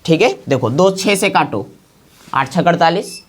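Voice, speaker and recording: A woman's voice: lowish voice, lively intonation, unhurried. A woman teaching math to a class at the board, often asking the students to check along. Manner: asks the class constant check questions.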